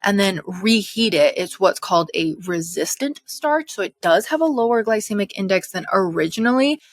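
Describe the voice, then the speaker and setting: A young woman in casual educational talk, chatty and animated, a little out of breath, as a hormone health coach. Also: medium pitch, normal speed, no room sound. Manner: chatty, animated, full of fillers. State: slightly out of breath.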